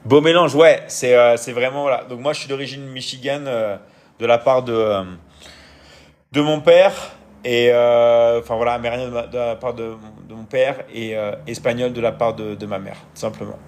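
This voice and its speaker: A man's voice: mid-range voice, steady tone, normal speed, darkish tone. Hesitant man chatting live with viewers. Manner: hesitant, frequent fillers and restarts, keeps checking in with the audience. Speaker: live-stream host and coach. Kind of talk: casual live chat answering viewer comments.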